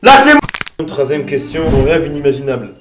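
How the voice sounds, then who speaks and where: A young man in his twenties answers viewer questions in a loose, crude, self-mocking way, now and then bursting into mock-angry yells. His mid-pitched voice sits back from the mic in a roomy space. Music plays behind him. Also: a little fast, far from the mic. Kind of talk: casual Q&A vlog. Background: background music.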